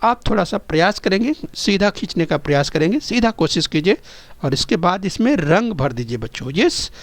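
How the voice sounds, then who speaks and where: A male primary school teacher with a somewhat high voice, coaxing young pupils through a recorded lesson. He speaks patiently, spells out each phrase slowly, and keeps urging the children to listen and repeat. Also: animated, no echo. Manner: addresses the children constantly, coaxing and encouraging.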